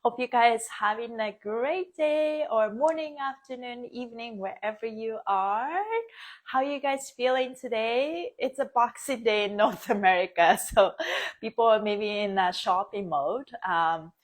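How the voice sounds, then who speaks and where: A woman's voice: fairly high pitch, a little slow. A woman born and raised in Japan, hosting a casual live stream, chatty with frequent laughs and many fillers. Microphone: phone or webcam, live stream.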